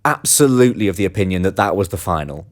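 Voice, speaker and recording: Male podcast co-host, very low voice, dry close sound, chatty and teasing. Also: expressive, fast, no echo. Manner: teasing, chatty, lots of fillers. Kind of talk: casual cricket chat.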